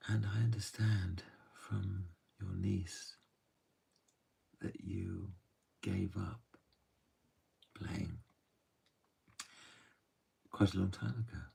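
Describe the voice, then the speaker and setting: A man telling a true story softly and gently, often dropping to a hush. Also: deep voice, fairly even intonation, far from the mic. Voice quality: gravelly and husky. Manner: soft, unhurried, often drops to a hush.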